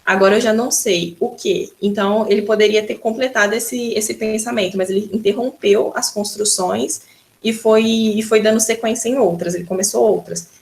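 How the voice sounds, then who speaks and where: A woman's voice: mid-range voice, steady tone, moderate pace, gravelly, darkish tone. A woman teacher with a Brazilian accent giving a recorded school lesson, patiently explaining and often starting her sentences with "então". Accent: Brazilian Portuguese.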